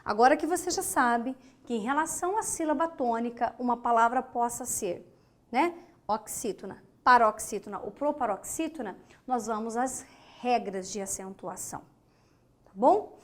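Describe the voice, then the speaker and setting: Her voice on the high side and her pace normal, a woman with a Brazilian Portuguese accent records an online grammar lesson at a board. Working in a lesson studio with a whiteboard, she counts syllables aloud and checks in with her students throughout.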